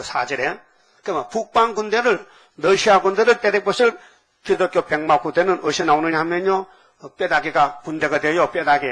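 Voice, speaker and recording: An older man preaching a sermon. He speaks in a folksy way and keeps asking the congregation quick questions. He reads scripture slowly and loudly, and now and then acts out a drill instructor's commands. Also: on the high side. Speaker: pastor.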